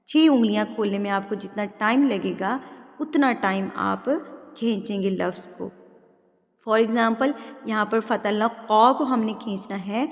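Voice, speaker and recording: A woman teaching Quran recitation rules step by step, explaining patiently, checking that students follow and drawing out example words slowly. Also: mid-range voice, long reverb tail. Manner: switches into slow, drawn-out, louder recitation for examples. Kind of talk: step-by-step tajweed lesson.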